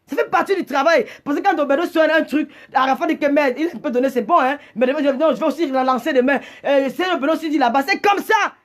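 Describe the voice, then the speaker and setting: Very high-voiced, angry woman. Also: fast, hardly any pauses. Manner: indignant, scolding, stammering repeats. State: agitated. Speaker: livestream host. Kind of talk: heated live rant.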